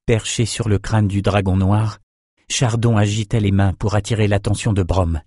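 A man reading a fantasy novel aloud as narrator, in a steady, measured way. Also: fairly low pitch, no room sound, clean studio sound. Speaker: audiobook narrator.

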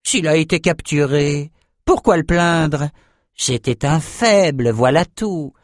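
A man putting on a naive, high-pitched albino shaman. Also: dry recording, clean studio sound. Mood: naive puzzled. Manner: high, slow, puzzled and singsong. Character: naive childlike albino male shaman slaver. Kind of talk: audiobook character voice.

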